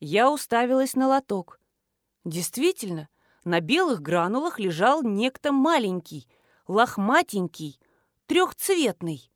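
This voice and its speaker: A woman narrating a comic audiobook with ironic, lively storytelling. Her voice sits fairly high with a very animated melody, dry and close to the mic. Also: a little slow, no room sound.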